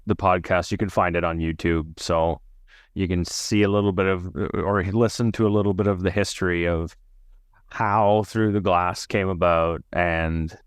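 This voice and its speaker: A man with a very deep voice co-hosting a podcast. He speaks in a friendly, encouraging manner. The sound is dry and close to the mic. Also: fairly even intonation, moderate pace, clear, resonant tone, no echo. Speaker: podcast co-host. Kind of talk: casual podcast chat.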